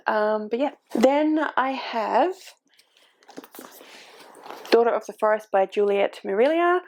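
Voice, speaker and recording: Her cat perched on the desk mic, a woman in her forties rambles through a relaxed booktube chat at home, full of ums and corrections of herself. She speaks with a fairly high, creaky, darkish voice.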